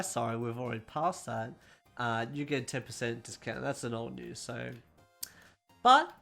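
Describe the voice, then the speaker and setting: A man hosting a casual gaming news roundup, talking quickly and correcting himself as he goes. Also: mid-range voice, creaky, a bit bright.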